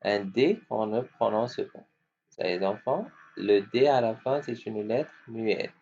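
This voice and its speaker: A man with a gravelly, fairly low voice teaches children phonics, slowly sounding out letters one by one. The recording is dull and lo-fi, with a faint hum behind him. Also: expressive, warm tone. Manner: slow, spelling out letters and sounds.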